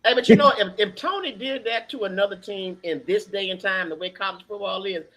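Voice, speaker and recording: A man's voice: high-pitched, a little fast, fairly bright tone, a little hiss or hum, poor audio. A man on an interview panel, bantering and telling anecdotes casually.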